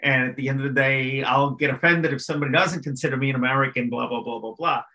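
A man co-hosting a podcast who explains his reasoning step by step. He often restarts his phrases mid-thought. His voice is bright. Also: mid-range voice, steady tone, fast talker. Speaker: podcast co-host. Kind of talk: casual discussion.

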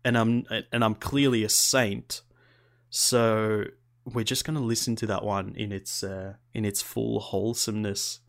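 A man's voice: fairly low pitch, flat delivery, a little slow, vocal fry. An enthusiastic man, chatting casually as a podcast host.

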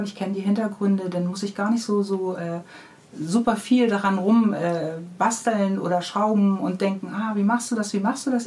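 A children's book author answers interview questions in an unscripted, conversational way. Her voice is mid-range with a darkish tone.

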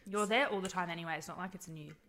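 Gravelly-voiced young woman, swearing casually. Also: fairly low pitch, rapid-fire, a little hiss or hum. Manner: blunt and sweary, relaxed. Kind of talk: casual chat between friends.

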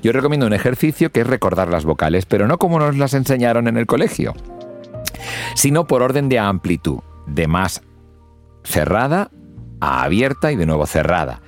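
Lively man coaching speech. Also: medium pitch, moderate pace, faint music behind. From Spain. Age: middle-aged. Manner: lively, demonstrates pronunciation with exaggerated examples. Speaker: podcast host and public speaking mentor. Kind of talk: instructional podcast talk.

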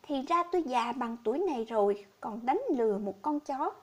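A grieving poor old village man, read by a woman narrator, pleading and sorrowful. The voice stays high and light. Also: lively intonation, normal speed.

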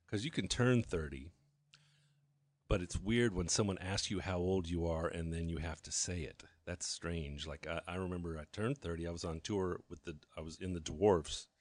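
A man in his fifties, a guest telling his story candidly in a halting way that often restarts with repeated words. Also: low voice, no echo. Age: 50s.

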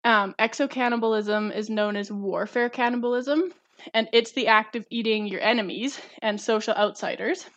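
A woman's voice: medium pitch, fairly bright tone. A young woman co-hosting a podcast, explaining a topic eagerly, like a student presenting research. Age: young adult. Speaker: podcast co-host. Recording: slightly dull lo-fi sound.

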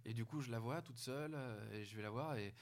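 A man's voice: medium pitch, fast. A young man telling a self-mocking anecdote in casual chat.

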